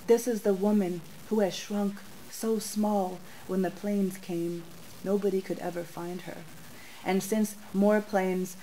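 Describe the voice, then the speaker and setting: A young woman from the United States reading her poems at a bookstore into a stand mic, soft and measured, with hesitant spoken asides. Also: mid-range voice, slight background noise, rough recording. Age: young adult. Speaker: poet. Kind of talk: poetry reading with spoken remarks. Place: small bookstore, indoors. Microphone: stand mic in front of her.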